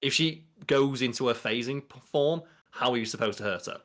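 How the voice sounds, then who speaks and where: A man around his thirties co-hosts a casual podcast, bantering and explaining pop culture in an emphatic, sweary way. He has a medium-pitched, fairly bright voice and speaks fairly quickly.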